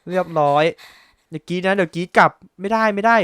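A man giving excitable live gameplay commentary, a little drowsy from just waking up, often repeating his exclamations. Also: high-pitched, fast, smooth, dry recording, studio quality.

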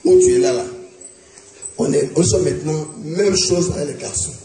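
A man's voice: fairly high pitch, normal speed, mellow, natural voice. A man with an Ivorian accent playing a bossy, bragging woman friend in a live comedy sketch, with a raised woman's voice. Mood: boastful. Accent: Ivorian French. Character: boastful, scolding woman friend. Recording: echoey live stage, distant mic, faint music.

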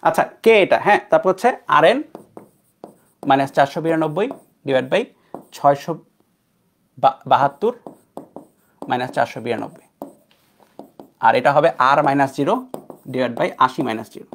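A young man from Bangladesh leads an online physics lesson in a relaxed, conversational way. His voice sits at an ordinary middle pitch, and he keeps stopping to ask whether his students are keeping up. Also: unhurried, long pauses, a little hiss or hum. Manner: conversational, checks in with students often. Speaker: physics teacher. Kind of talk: online class lecture.

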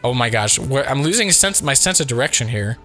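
Sick, excitable man reacting to a game. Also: medium pitch, fairly quick, soft background music. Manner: excitable, reactive, frequent exclamations and chuckles. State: sick, voice not fully recovered. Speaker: let's play host. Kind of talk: casual gameplay commentary.

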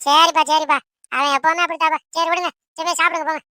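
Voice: very high voice, level tone, fast, bright, forceful tone, dry recording, clean studio sound. A voice actor playing quarrelling teenage siblings in a cartoon who whine and tattle on each other. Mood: whining. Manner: whining, tattling. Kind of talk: Tamil cartoon voice acting.

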